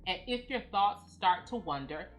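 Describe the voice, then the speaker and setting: A woman giving calm, measured instructions as she guides listeners through a grounding exercise. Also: medium pitch. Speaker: presenter of anxiety grounding techniques. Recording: music playing behind the voice. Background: background music.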